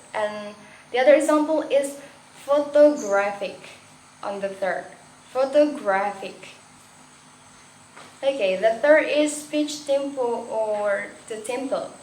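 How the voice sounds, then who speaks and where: Young woman, student presenter, slightly high voice, hesitant restarts, echoey room with a faint background hiss. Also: a little mellow. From Indonesia. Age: young adult. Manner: slow, careful reading with hesitant restarts. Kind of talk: reading a class presentation.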